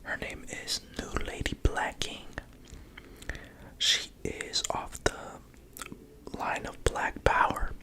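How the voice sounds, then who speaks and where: Hushed ASMR whisper, as if sharing secrets. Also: takes it slowly, pauses often. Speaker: racing pigeon keeper presenting own birds.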